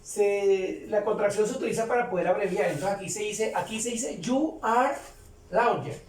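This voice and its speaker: Male tutor, unhurried and repetitive, roomy distant recording with faint background hum. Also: high-pitched. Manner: slow, repetitive, explains each example twice. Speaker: English teacher. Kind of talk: step-by-step tutorial.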